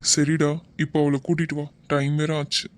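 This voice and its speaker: A man voicing a kind, calm middle-aged father in an animated web series, gentle and fatherly. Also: a little high, normal speed, lightly acted.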